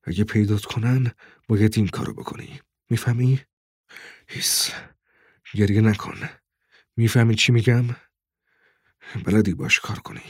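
A man voicing a hunted father giving urgent hushed orders to his son. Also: on the low side, husky, no echo, studio quality. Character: desperate hunted father, stern and protective.

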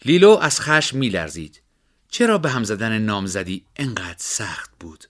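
A man narrating a story in a steady, measured way. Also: fairly low pitch.

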